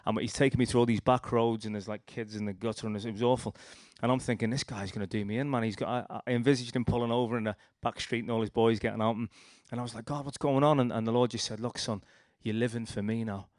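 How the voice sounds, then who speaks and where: A young man from Liverpool races through a rambling personal testimony, barely pausing, his medium-pitched, darkish voice fairly even in tone. Recorded to studio quality with no echo, he restarts often and acts out what people said.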